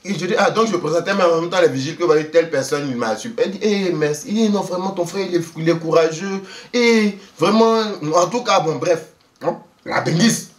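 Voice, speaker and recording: A man telling a story in a lively, casual way, often laughing and acting out the people he quotes. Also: a little high, fast talker, recorded from a distance. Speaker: vlogger telling a travel story. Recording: roomy echo, voice away from the mic.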